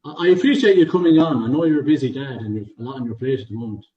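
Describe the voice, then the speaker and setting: A man's voice: medium pitch, racing. A man with an Irish accent hosting a casual livestream interview, encouraging and complimentary as a coach. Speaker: host, fitness coach. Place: online video meeting. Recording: muffled, roomy, distant from the mic.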